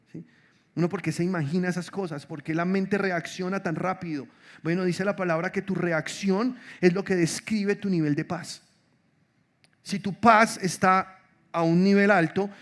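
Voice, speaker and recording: A man preaching a sermon as pastor, conversational and animated, asking the congregation many rhetorical questions. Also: a little high. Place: church.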